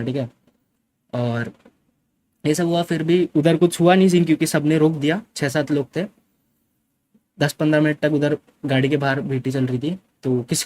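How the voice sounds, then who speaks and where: A man's voice: a little high, slight background noise. A man defensively telling his side of a story in a casual vlog, often repeating himself and switching into English. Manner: defensive, insistent, mixes English into his speech. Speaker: gaming streamer.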